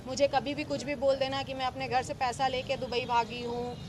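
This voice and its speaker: A woman's voice: high-pitched, little pitch movement, a little fast, noisy background. A woman in her thirties, a local politician, speaking emphatically and accusingly to reporters outdoors on a city street. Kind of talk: street press interview.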